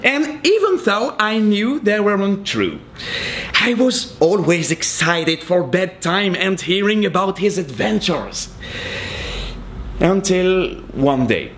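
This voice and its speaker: With a fairly high, fairly bright voice, a man from Belgium performs a self-deprecating story for an audience. He's a native French speaker with a Belgian French accent, captured in a noisy live recording.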